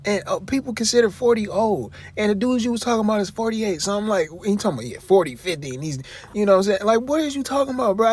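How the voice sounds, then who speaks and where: Husky high-voiced man ranting on his channel. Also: a little mellow. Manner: talks straight at his subject, calling him bro; exasperated, rambling and repetitive. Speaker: vlogger commentator. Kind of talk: casual commentary rant.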